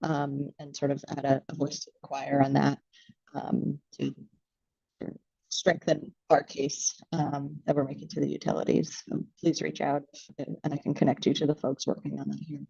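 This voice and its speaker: Woman presenter, low voice, choppy glitching video call audio, dry and dull, halting delivery. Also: level tone, gravelly, mellow, breathy edge, no echo. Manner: hesitant, many fillers. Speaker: government agency staff presenter. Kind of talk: presentation in an online meeting.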